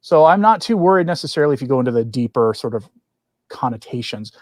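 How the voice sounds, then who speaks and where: In a mid-range, animated voice at a fast clip, a man hosts a livestream of religious commentary, earnest and opinionated with dry, wry asides, and part of the time he reads quoted text aloud. The audio is studio quality with no echo.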